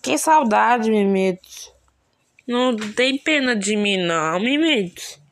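A woman's voice: fairly high pitch, takes it slowly. A woman casually commenting while playing a virtual pet game, cooing and baby-talking to her pet. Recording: steady background noise.

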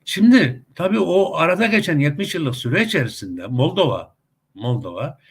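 A middle-aged man talks through his commentary in a gravelly, husky voice. He chats along with frequent hesitation sounds and now and then climbs into emphatic, rising outbursts. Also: fairly high pitch, very animated, moderate pace. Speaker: commentator on a web TV channel. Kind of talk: casual spoken commentary with anecdotes.

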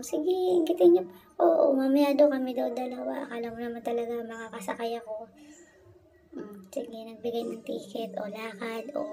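Filipino woman, high-pitched, phone camera vlog, outdoor park, music playing, playful teasing. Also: low-quality recording. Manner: teasing, playfully self-pitying, shouts and sing-song at times. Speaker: vlogger. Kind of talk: casual vlog narration. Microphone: handheld phone camera.

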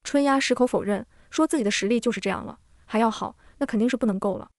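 A woman narrating a historical audio comic in a brisk storytelling manner. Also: a little high, dry recording, studio quality.

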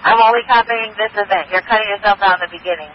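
A man's voice: high-pitched, fairly even intonation, fast. A man working as a police dispatcher, heard over a radio scanner, giving terse, clipped radio codes. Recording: tinny radio with heavy static.

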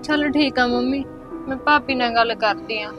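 Actress as a hesitant young woman, high voice, faint music behind. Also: natural voice. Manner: hesitant, halting, consoling. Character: young woman Jyoti breaking bad news. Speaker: sister, daughter.

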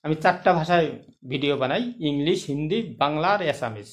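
High voiced guy pitching an online income plan, persuasive, chatty, keeps calling you friend. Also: lively intonation, brisk. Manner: persuasive, keeps checking in with listeners; addresses listener as friend. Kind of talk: casual explanatory video talk.

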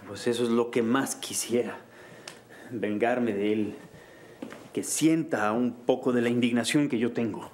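A man's voice: mid-range voice, steady tone, unhurried, darkish tone, a little hiss or hum, lightly acted. An actor playing a bitter man who wants revenge, resentful in a telenovela scene. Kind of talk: telenovela acting.

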